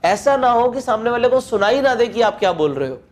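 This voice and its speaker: A man with a Hindi accent giving a spoken English lesson, explaining step by step and reading English phrases slowly aloud. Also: very high-pitched, big pitch swings. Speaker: English teacher.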